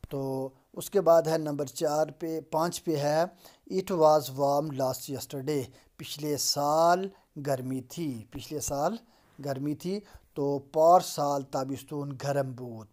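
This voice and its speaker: A man's voice: on the high side, darkish tone. A man lecturing in a recorded lesson over slides, repeating and translating each sentence step by step. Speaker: Persian lecturer.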